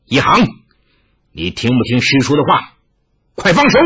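一位男子演绎一位严肃的年长道长，嗓音沙哑，语气从容而严厉，录音音质发闷。. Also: male voice, medium pitch, slightly rough, lo-fi sound. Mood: stern. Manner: slow measured, then sharp commands. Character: stern elderly Taoist elder, senior uncle.

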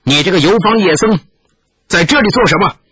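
A man's voice: sits high, animated, brisk, fairly bright tone, slightly rough, no room sound, voice pushed up, exaggerated voice. A man voicing an arrogant, bullying soldier who talks in a scornful, swaggering way, on a dull lo-fi recording. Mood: sneering.

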